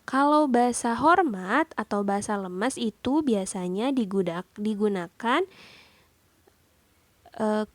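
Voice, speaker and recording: Slow, deliberate woman teacher. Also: fairly high pitch, no echo. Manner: explains each point then repeats it in a second language. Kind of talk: classroom lesson explanation.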